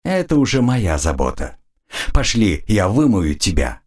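A stern, weary mother gives curt orders in a low voice, read by a man narrating an audiobook. The tone is husky and tired. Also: big pitch swings, measured pace, a little mellow. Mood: flat.

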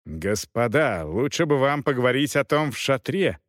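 A man reading aloud, voicing a calm male officer urging quarrelling men to stop. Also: mid-range voice, moderate pace, no echo, studio quality, lightly acted. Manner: soothing, urging. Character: calm male officer, peacemaker, restraining others.

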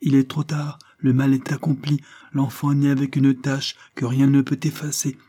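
Bitter proud noblewoman, read by a guy, dark husky voice, raised and loud. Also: mid-range voice, monotone, moderate pace, voice pushed up, lightly acted. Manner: impassioned, reproachful delivery, louder than the narration. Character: jilted young English noblewoman, bitter and proud.

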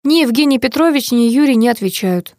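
A woman reading the part of a flustered male head doctor who shouts and snaps at times. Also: on the high side, animated, brisk, no echo, clean studio sound, pitched above the performer's own voice, close to an everyday voice. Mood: shaken. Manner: shouting, flustered, then curt. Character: agitated middle-aged male head doctor.

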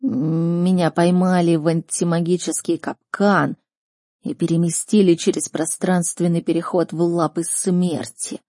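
Woman voicing a slow, grave male snow leopard. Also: on the low side, level tone, mellow, no room sound, clean studio sound, natural voice. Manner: slow, heavy, deliberate speech.

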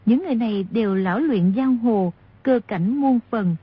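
A woman narrating a martial-arts novel in a steady storytelling voice. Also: a little high, normal speed, husky, no room sound. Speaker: audiobook narrator. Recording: dull lo-fi audio.

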